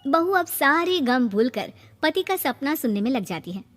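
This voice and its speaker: A woman's voice: high-pitched, very animated, moderate pace. A woman narrating a scripted family story as a dramatic storyteller. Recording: long reverb, music behind.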